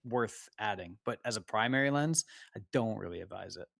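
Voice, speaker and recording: A man's voice: on the low side, lively intonation, brisk, vocal fry, a bit bright, no echo, clean studio sound. A man co-hosting a podcast, talking in a laid-back, rambling way and laughing often. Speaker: podcast co-host. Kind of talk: casual chat.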